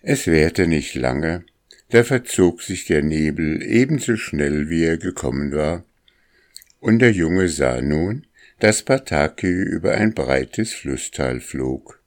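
Deep-voiced, slow male narrator. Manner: calm, unhurried storytelling. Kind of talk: audiobook narration.

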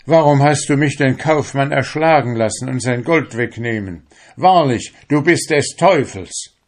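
A man's voice: medium pitch, unhurried, pitched above the performer's own voice. A man voicing an anguished, defiant young fisherman in a storybook reading, crying out and accusing. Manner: cries out, pleading and accusing.

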